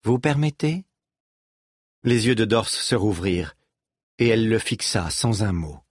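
Male audiobook narrator, measured and steady, low husky voice. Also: no echo, clean studio sound. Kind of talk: audiobook reading.

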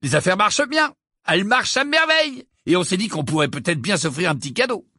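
A man's voice: on the high side, expressive, quick pace, a bit bright, breathy edge, no room sound, clean studio sound, pitched above the performer's own voice, exaggerated voice. A man voicing a cocky young male twin with a smug, playful way of talking.

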